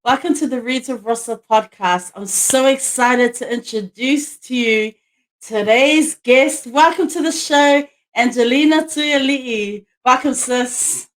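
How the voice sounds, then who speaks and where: Higher-pitched woman hosting a casual podcast. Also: a little slow. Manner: enthusiastic, informal. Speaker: podcast host. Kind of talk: casual, upbeat interviewing.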